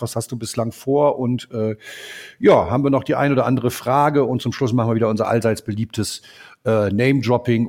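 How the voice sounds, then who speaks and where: A male podcast host with a medium-pitched, husky, slightly hoarse voice sounds stuffed up from a cold. He chats casually with lots of filler sounds while steering a relaxed interview.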